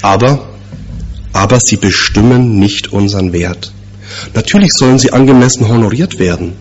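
A man preaching a sermon, telling stories and asking rhetorical questions with slow, emphatic repetitions. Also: on the low side, expressive, dull audio, faint music behind.

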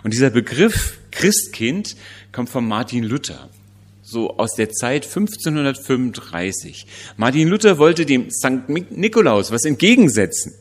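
A male preacher delivers a Christmas sermon in a relaxed, conversational way, often turning to rhetorical questions. He speaks slowly and deliberately. His pitch swings widely for emphasis.

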